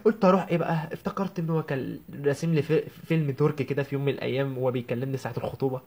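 A man's voice: mid-range voice, steady tone, a little mellow, natural voice. A man with an Egyptian Arabic accent voicing a young newlywed woman who complains to her mother on the phone in a comic sketch, whiny and indignant. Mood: aggrieved. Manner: whiny, indignant, rapid rambling. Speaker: comedian.

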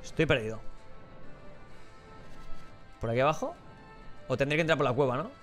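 A man's voice: medium pitch, sing-song, moderate pace, fairly bright tone, soft background music. A man giving casual, rambling gameplay commentary as a let's play host, joking and swearing casually.

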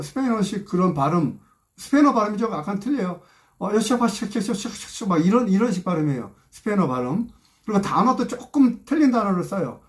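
A man's voice: sits high, a little mellow. A man from South Korea, hosting his channel in a casual, rambling talk, often repeating himself and trailing off. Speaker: channel host.

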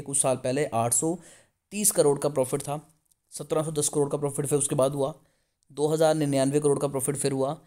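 A man's voice: medium pitch, dark tone. A man hosting a casual stock analysis video, reading numbers off charts and urging viewers to buy. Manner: pushy, urges viewers to buy; reads figures off a chart. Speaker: stock market video host.

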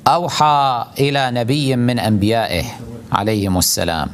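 A male cleric giving a forceful religious lecture, asking rhetorical questions and repeating his points for emphasis. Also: medium pitch, steady tone, fairly quick, a little hiss or hum. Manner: rhetorical questions, mimics opponents in a raised voice.

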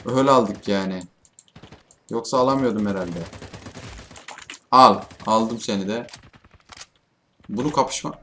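A young man casually commenting on his own shooter gameplay, swearing often and yelling at his teammates in frustration. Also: on the low side, moderate pace, long pauses, a little hiss or hum. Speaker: gaming YouTuber.

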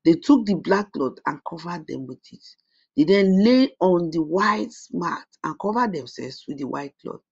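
A storyteller narrates a folk tale at a steady, measured pace. The voice is husky with a gravelly fry. The recording sounds dull and lo-fi. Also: medium pitch.

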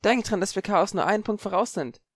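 A man's voice: high-pitched, a little fast, no room sound, clean studio sound, voice pushed up. A man voicing a cheerful, scheming young schoolgirl in an audiobook, bubbly yet suspicious. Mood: lively. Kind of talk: audiobook character voice.

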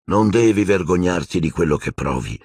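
A man voicing a serene old wizard headmaster, speaking calmly and softly. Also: sits low, breathy edge, dry recording, studio quality, exaggerated voice. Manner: calm, measured and soft-spoken.

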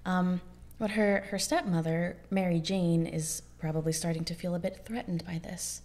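A young woman co-hosts a casual history podcast, her voice mellow and pitched a little low. She talks in a chatty, loose way, with quick asides and frequent laughter. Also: steady tone. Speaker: podcast co-host.

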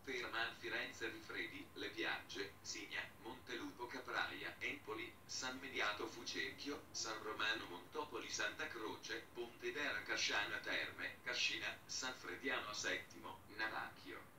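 Flat formal male station announcer, sharply bright. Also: fairly low pitch. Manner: measured formal delivery with names read in separate segments. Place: public address in a railway station, station ambience behind. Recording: bright roomy distant PA with background noise.

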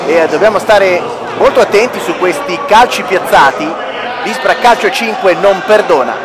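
A man giving excitable futsal play-by-play commentary, breaking into shouted goal calls as a match commentator. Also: high-pitched, moderate pace. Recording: music and crowd noise behind. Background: music, sports hall crowd.

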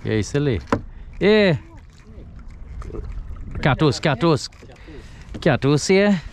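A man with a Trinidadian accent giving chatty, excitable running commentary while fishing from a small boat. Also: fairly high pitch, slow. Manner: chatty, excitable, creole phrasing. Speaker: fishing vlogger. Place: outdoors on a small boat at sea. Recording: noisy outdoor water and wind.

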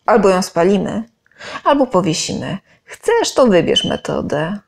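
A woman voicing a brutal, loud male ex-soldier who jeers and shouts at a mob, in a read-aloud story. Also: mid-range voice, big pitch swings, measured pace, vocal fry. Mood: threatening. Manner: jeering, shouting, mocking.

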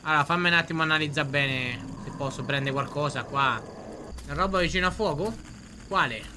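A young man commentating a horror game, excitable, swearing often and talking to himself. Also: fairly high pitch, brisk, background noise. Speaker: gaming streamer.

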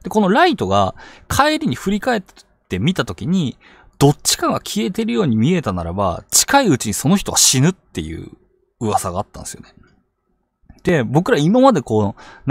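A man narrating ghost stories on a live stream, dramatic, with hushed lows and sudden outbursts. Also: wildly swooping pitch, fairly quick, vocal fry, no echo. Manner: dramatic telling, hushed low asides rising to sudden outbursts. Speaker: ghost story teller.

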